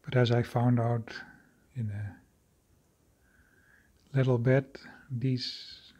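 A man narrating his own cave footage in an unscripted voice-over, slow and halting with many fillers and restarts. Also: mid-range voice, level tone, warm tone, muffled recording. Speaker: video creator exploring a cave.

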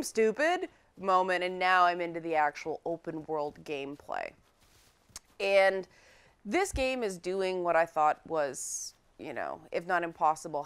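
Her voice is fairly low with a clean tone as this young woman plays a video game and gives casual let's-play commentary. She's chatty and playful, egging her pets on.

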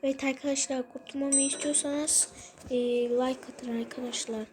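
A woman commenting on a horror game as she plays, swearing a lot and swinging between loud threats and hushed whispers. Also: high voice, steady tone, normal speed, slight background noise. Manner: scared, swearing often. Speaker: gamer.

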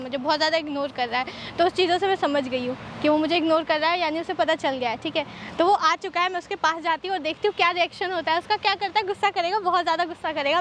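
Young woman prank vlogging, really high voice, talks fast and playful. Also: fairly bright tone, slight background noise. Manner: teasing, playful, coaxing. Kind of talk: casual vlog and prank.

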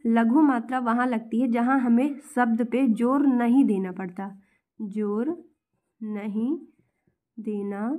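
A woman's voice: a little high, warm tone. A woman teaching a class, explaining step by step and asking and answering her own questions. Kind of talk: classroom-style lesson.

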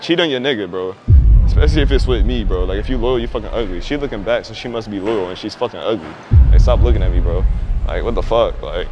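A man in his twenties, a vlogger who chats up strangers in a brash, slangy, joking way. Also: mid-range voice. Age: 20s. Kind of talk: street prank vlog, casual chat. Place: indoor mall and outdoor basketball court.

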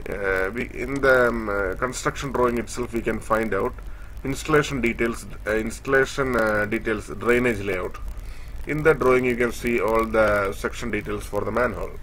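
An instructor leads a screen-share technical tutorial, explaining step by step haltingly, with many fillers, as he points around a drawing. His voice is lowish, creaky, and a bit bright, with a slight hiss or hum.

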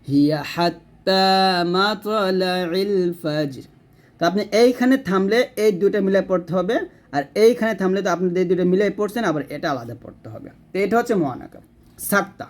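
A man teaching Quran reading in a spoken lesson, patiently explaining and repeating words. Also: sits high. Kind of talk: casual spoken lesson with slow recitation examples.

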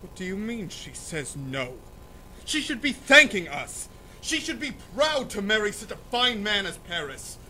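Brief: a man doing an enraged, bullying noble father, high and bright, swinging wildly up and down. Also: animated, normal speed, few pauses, a little hiss or hum, exaggerated voice, poor audio. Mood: stern. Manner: blustering, shouting threats. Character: furious domineering father, middle-aged nobleman. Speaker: student actor in a school reading.

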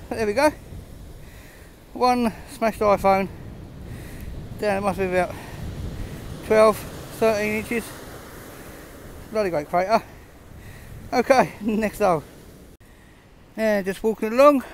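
Speaking a bit slowly with long pauses, a metal detecting vlogger with a slightly high voice gives casual commentary on his pebble beach finds, chuckling quietly in an understated way. His handheld camera films his hands up close, with faint outdoor hiss in the background.

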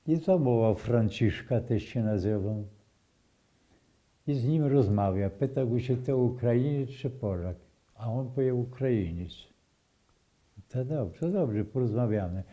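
An older man speaking in a recalls what he witnessed. He talks slowly and haltingly, in a very dark, mellow voice. He often breaks off, restarts and repeats phrases. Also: mid-range voice. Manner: slow, halting storytelling with restarts and repetitions. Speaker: eyewitness. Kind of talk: oral history testimony.

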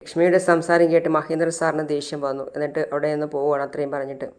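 A woman vlogger casually retelling a TV serial's episode in a matter-of-fact, quiet narrating voice. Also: low-pitched, level tone, fast talker. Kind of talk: casual story recap.

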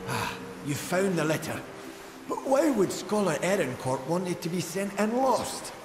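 An actor playing an anxious male gnome scribe in a video game, speaking in a hesitant, fretful, halting way. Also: high-pitched, very animated. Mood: puzzled, deferential. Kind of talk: video game character dialogue. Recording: echoey hall reverb with music behind.

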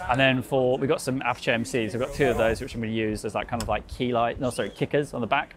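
A man's voice: mid-range voice, fairly even intonation, quick pace. A man, a photographer chatting casually to camera and explaining his gear while he shoots in the street. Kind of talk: casual vlog commentary. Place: busy London streets and graffiti tunnel, outdoors. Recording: crowd noise behind.

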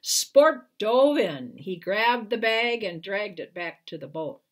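An author in her sixties or older, husky-voiced with a mid-range pitch, reads her children's book to the camera during storytime. She's indoors in a small living room at home, reading in a deliberate, expressive manner with short explanatory asides.

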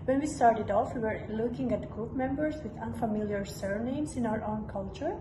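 A young woman delivers a rehearsed student presentation with a slightly high voice. She is recorded in a roomy, echoing classroom with noticeable background noise from a camera set back from her. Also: moderate pace. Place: classroom with whiteboard. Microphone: far camera. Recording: echoey room, background noise.

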